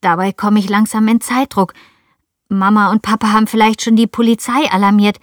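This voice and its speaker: A woman's voice: mid-range voice, level tone, a little fast, no echo, studio quality. Woman reading a story aloud. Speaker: narrator.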